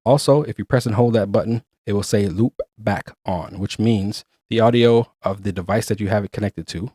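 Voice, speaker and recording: A man's voice: lowish voice, moderate pace, warm tone, husky, no room sound, clean studio sound. A man hosting a casual product review, chatty and explaining features step by step. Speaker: gear reviewer and host.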